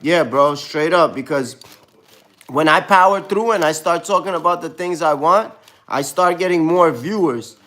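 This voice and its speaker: A man's voice: on the high side, normal speed, fairly bright tone. A man in his thirties with a New York Brooklyn accent, chatting loosely on a live stream and saying "bro" constantly. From born in Ukraine, raised in Brooklyn, New York. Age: 30s. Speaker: livestreamer answering chat. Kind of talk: casual live-stream chat.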